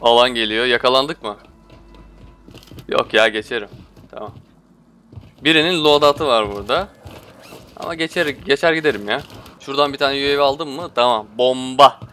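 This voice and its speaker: Bright-voiced man ranting over gameplay. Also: medium pitch, moderate pace, long pauses, a little hiss or hum. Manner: swings between frustrated outbursts and mumbling to himself; taunts opponents with slangy trash talk. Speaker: gaming streamer. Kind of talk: live gameplay commentary.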